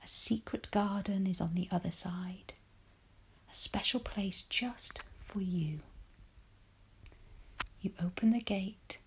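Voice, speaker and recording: Female meditation guide: hushed, airy spa whisper, leisurely and soothing, leaving long pauses between gentle instructions. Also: mid-range voice. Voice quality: breathy, whispery.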